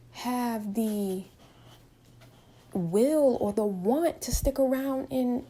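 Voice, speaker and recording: A woman's voice: high-pitched, warm tone. A woman in her twenties vlogging from home in an impassioned, emphatic monologue full of rhetorical questions. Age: 20s. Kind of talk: opinionated direct-to-camera monologue.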